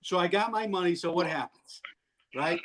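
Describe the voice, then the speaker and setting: A man telling wild stories in an animated way, loudly acting out what people said and laughing often. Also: high voice, moderate pace. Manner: excitable, acts out quotes loudly, laughs often. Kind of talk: animated storytelling.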